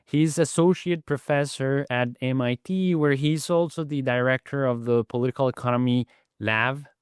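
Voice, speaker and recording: A male podcast host introduces his guest and asks questions in a polite, slightly halting way. His voice comes across smooth and clear. The recording is dry, with the mic close. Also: mid-range voice, no echo. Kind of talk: academic interview.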